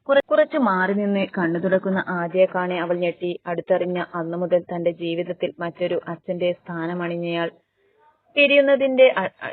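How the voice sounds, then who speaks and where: A woman's voice: lowish voice, no echo. A woman narrating a romance story aloud in an emotive way, with small restarts. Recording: dry, tinny phone-like sound.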